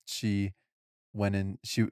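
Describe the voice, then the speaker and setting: Young guy podcast cohost, deep voice, teasing banter. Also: flat delivery, slow, a little mellow, no echo, clean studio sound. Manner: joking, teasing. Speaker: podcast co-host. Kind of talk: casual chat.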